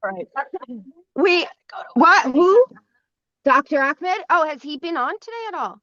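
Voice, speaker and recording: A woman talks loudly and with passion from inside her car, her voice carried through the car's Bluetooth hands-free link. The sound is dull and lo-fi, dry and close, and her pitch sits high. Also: animated, a little slow, dry recording. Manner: loud and passionate. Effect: car Bluetooth hands-free audio. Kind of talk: casual chat on a webinar call.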